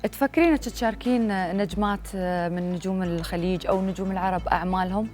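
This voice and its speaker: Female TV interviewer, polite and measured in her questions, delivered at a very brisk clip. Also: medium pitch, fairly even intonation, darkish tone, faint music behind. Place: TV studio.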